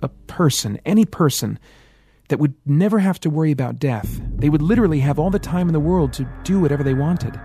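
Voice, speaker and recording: A man reads a composed, secretive mentor in an audiobook, explaining in measured, mysterious tones. The voice sits a little higher than the narration, with faint music playing behind. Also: animated, warm tone. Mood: earnest.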